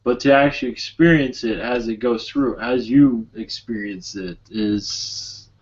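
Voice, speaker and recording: A man channeling a benevolent otherworldly Sirian being, speaking in a solemn, halting, prophetic trance-like manner. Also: mid-range voice, natural voice. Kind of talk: channeling session, answering questions. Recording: dull lo-fi audio.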